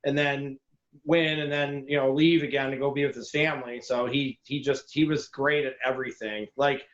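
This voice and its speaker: A man co-hosting a podcast in casual chat, animated and opinionated, given to ranting. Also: medium pitch, normal speed. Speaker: podcast co-host. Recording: echoey, dull lo-fi sound.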